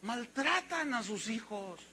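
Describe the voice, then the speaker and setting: A man's voice: very high voice, animated, takes it slowly, pushed and bright, breathy edge. A man with a Mexican Spanish accent preaching a sermon as pastor, conversational and teasing, then emphatic.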